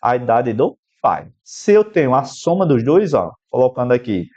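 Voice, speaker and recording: A man's voice: medium pitch, sing-song, normal speed, darkish tone. A man with a Brazilian Portuguese accent teaching an exam-prep math lesson, explaining an equation step by step and speaking directly to the student. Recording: slightly dull, lo-fi sound.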